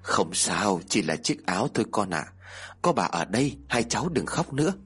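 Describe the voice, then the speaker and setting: A man voicing an anxious, grieving grandmother who speaks softly and pleadingly, with a husky tone. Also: medium pitch, animated, fairly quick. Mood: soothing.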